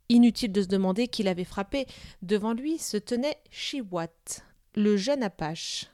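A woman reading a storybook aloud with expressive, dramatic storytelling. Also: medium pitch, dry recording, clean studio sound. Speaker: narrator. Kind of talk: storybook narration.

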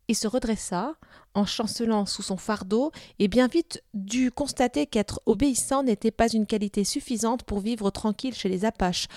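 A woman's voice: on the high side, dry recording. Woman narrating a storybook, dry sound. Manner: expressive, dramatic storytelling.

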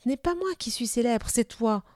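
A woman reading aloud and voicing a calm, impassive chief who talks steadily. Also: a little high, normal speed, no room sound, clean studio sound, lightly acted. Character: calm male Comanche chief, older, impassive.

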